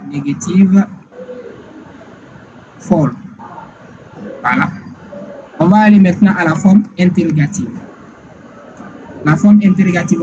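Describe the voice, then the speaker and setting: A man teaching English grammar in a slow, repetitive classroom style, often checking whether listeners follow. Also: a little high. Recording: dull lo-fi sound with clear background noise.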